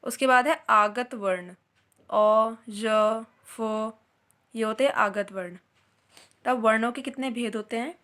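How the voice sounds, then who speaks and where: A woman's voice: a little high, takes it slowly, a bit bright. A woman teaching a Hindi grammar lesson, explaining step by step and answering her own questions as she goes.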